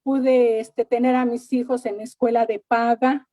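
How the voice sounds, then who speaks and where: A woman's voice: a little high, little pitch movement, unhurried, dark tone, dry recording. A middle-aged woman giving an earnest church testimony, often repeating words and thanking God. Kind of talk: personal faith testimony.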